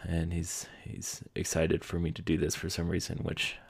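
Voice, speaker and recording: Man, husky, rough gravelly tone, rambling and self-deprecating, home podcast. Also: sits low, completely flat delivery, moderate pace. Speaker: podcast host. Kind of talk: casual solo podcast monologue. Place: home basement room.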